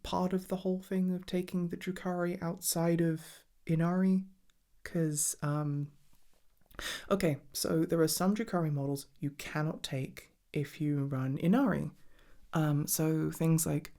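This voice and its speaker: A low, dark voice, steady and a little slow, carries this woman's casual ASMR chat. She makes ASMR as a hobby and talks eagerly, swearing, in a hesitant, roundabout way.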